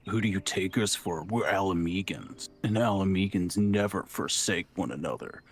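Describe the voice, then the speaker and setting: A man's voice: low-pitched, normal speed, husky. A man voicing a stern but protective resistance captain in a fantasy game, solemn and commanding. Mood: fierce, commanding. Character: gruff, deep-voiced adult male resistance captain, stern but protective. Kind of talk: hammy fantasy game voice-over.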